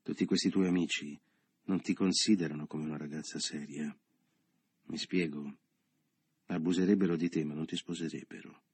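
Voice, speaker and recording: Man voicing a bossy businessman, coaxing and insistent, deep husky voice, dry audiobook sound. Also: fairly even intonation, moderate pace, darkish tone, no room sound. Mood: domineering. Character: assertive businessman lover, persuasive, domineering. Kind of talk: audiobook character reading.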